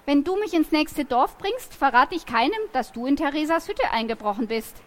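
A woman reading aloud from a storybook, voicing a defiant, quick-tongued teenage girl. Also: high voice, lively intonation.

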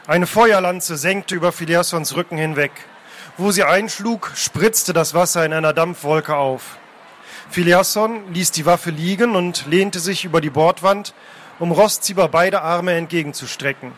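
A man's voice: high voice, measured pace. Man reading a fantasy adventure aloud. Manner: shouts out characters' cries in the read scene. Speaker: co-reader of a fantasy novel. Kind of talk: dramatic book reading, alternating narration.

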